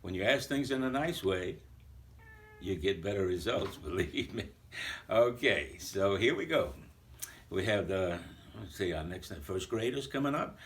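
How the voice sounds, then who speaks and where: A jolly old Santa Claus, played by a man, chatting in a rambling, playful way to a school full of children. His lowish voice swings up and down with plenty of life. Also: expressive, unhurried, slight background noise. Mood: cheerful. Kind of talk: recorded video greeting to a school.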